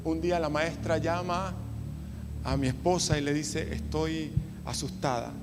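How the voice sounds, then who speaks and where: A man preaching a sermon, moving from hushed storytelling to loud impassioned preaching. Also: a little high, fairly even intonation, unhurried, music in the background. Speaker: pastor.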